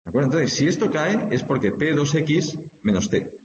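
A man's voice: on the high side, sing-song, normal speed. A male physics teacher from lecturing informally, explaining step by step and thinking aloud as he checks with his students. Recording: echoey hall, dull lo-fi sound, faint background noise.

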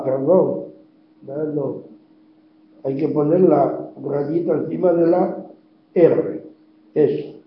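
Slow, halting Spanish teacher in echoey room. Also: male voice, on the high side. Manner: slow, halting explanation with frequent "¿eh?" checks. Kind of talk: recorded lecture explaining a transcription exercise. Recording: echoey, dull lo-fi room recording.

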